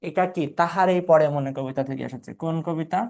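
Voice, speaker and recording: A young man with a Bangladeshi Bengali accent teaches an exam revision class. His voice sits a little high for a man. He keeps asking questions, answers them himself, and calls out students by name. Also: quick pace, a little mellow. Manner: quizzing and answering his own questions, calling out students' names. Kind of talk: live online exam-review class.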